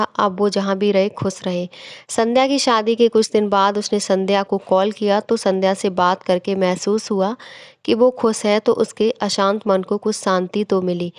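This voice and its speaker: A woman reading a scripted moral story aloud in an even, measured way. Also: mid-range voice, smooth, dry recording, studio quality. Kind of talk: scripted narration.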